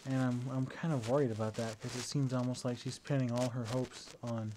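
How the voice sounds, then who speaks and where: A young man lies down at home and talks into a battery-powered camera for a casual video diary. His mid-range voice runs a little fast, and he sounds relaxed but hesitant, full of fillers and restarts. There is a little hiss or hum in the recording.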